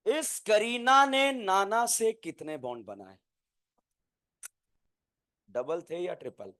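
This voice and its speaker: Lively, high-voiced male chemistry teacher. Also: takes it slowly, no room sound, studio quality. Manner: asks the class questions and counts answers; uses playful name mnemonics. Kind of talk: classroom lecture. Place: classroom.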